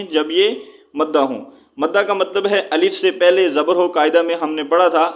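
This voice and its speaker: Patient Quran teacher, man, slow demonstrations. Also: fairly high pitch. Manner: repeats points, checks in with frequent "okay"; slows right down to demonstrate sounds. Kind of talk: spoken lesson.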